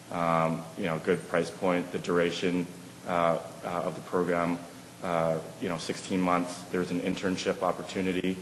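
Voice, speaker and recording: A man in his thirties from Vancouver, answering as a panelist in a measured way with frequent fillers. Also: deep voice, a little hiss or hum. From Vancouver, Canada. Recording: echoey hall, faint ambience.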